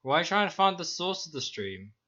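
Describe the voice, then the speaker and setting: A man's voice: on the high side, big pitch swings, fairly quick, pushed and bright, muffled recording. A young man narrating as dungeon master on a stream, talking in a loose, rambling, self-mocking way. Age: young adult. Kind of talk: narrating a tabletop game on stream.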